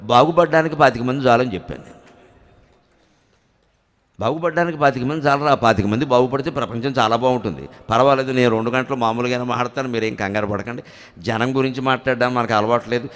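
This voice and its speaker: A man's voice: medium pitch, fast, fairly bright tone. Older male orator, dramatic, chants verses; echoey temple hall. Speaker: spiritual orator. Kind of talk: Telugu religious discourse. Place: temple hall before a large crowd.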